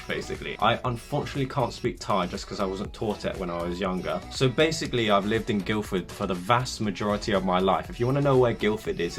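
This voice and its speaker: Chatty young man, low voice. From England. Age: young adult. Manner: chatty, rambling, self-deprecating. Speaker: YouTuber. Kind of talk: casual get-to-know-me vlog.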